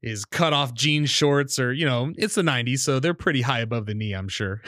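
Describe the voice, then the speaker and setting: A man hosting a casual podcast, swapping childhood stories with an animated, storytelling delivery. He slips into the voices of the people in his tale. His voice sits at an everyday middle pitch, and the recording is dry and close, with no room sound. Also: fairly quick, no room sound. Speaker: podcast host.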